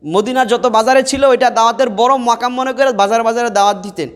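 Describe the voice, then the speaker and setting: A man's voice: very high voice, fast. A man teaching Quran reading in a classroom, quizzing his students with questions and drilling letters by repetition. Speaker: Quran teacher and mosque preacher. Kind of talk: classroom lesson. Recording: reverberant hall.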